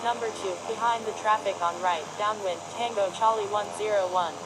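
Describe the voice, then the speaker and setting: A woman's voice: mid-range voice, brisk, noisy background. A woman as a synthetic radio controller voice. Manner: clipped, even radio phraseology. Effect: cockpit radio transmission in a flight simulator. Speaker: air traffic controller and pilot radio calls.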